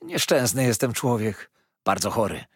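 A man voicing a kindly, bedridden old man who complains slowly about his illness. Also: mid-range voice, sing-song, breathy edge, no echo, clean studio sound. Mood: plaintive, fond. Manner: complaining, slow and plaintive.

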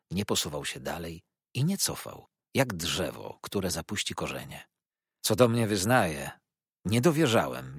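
A man narrating a classic novel as an audiobook, in a measured, expressive reading. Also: low voice, husky, no room sound, clean studio sound.

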